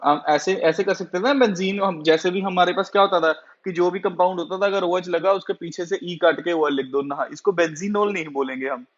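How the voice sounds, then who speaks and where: A man's voice: high-pitched, brisk, hardly any pauses. A man teaching a chemistry class, who often asks the students questions and then answers them himself. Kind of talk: classroom lecture. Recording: dull lo-fi sound.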